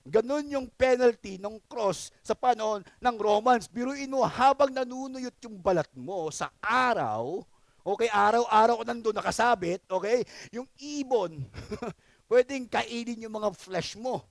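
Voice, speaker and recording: Man, pastor, sermon, very high voice, dry close sound. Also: animated, a little slow, vocal fry, dry recording. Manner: emphatic, checks in with the congregation often.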